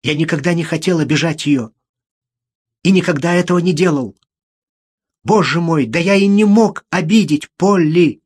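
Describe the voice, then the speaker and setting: A man's voice: fairly high pitch, moderate pace, pauses often, husky, pitched above the performer's own voice. A man voicing a condemned prisoner who urgently protests his innocence in an audiobook. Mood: desperate pleading. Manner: pleading, urgent.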